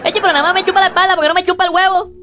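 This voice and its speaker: A woman voicing a jumpy young man who is terrified of a ghost, with a Caribbean Colombian accent and a frantic, yelling manner. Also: very high-pitched, fairly even intonation, very fast, voice pushed up. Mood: panicked. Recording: music and crowd noise behind.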